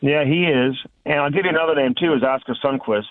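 A man guesting on a radio show as a reporter offers conversational, off-the-cuff sports analysis, peppered with "you know" and "listen." He talks fast in a high-leaning voice, and the dry recording sounds narrow and tinny.

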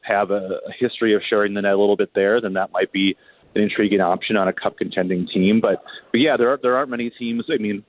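Calling into a sports show as a reporter guest, a man offers hockey analysis at a quick pace in a lowish, fairly even voice. He talks conversationally but hesitantly, repeating words. His line sounds thin, like a phone, and carries a roomy echo.

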